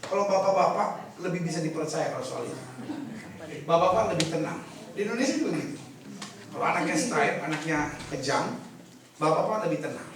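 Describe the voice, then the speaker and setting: A man preaching a sermon as pastor, animated and humorous, slipping English phrases in. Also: a little high, a little fast, noisy background. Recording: echoey hall from far off.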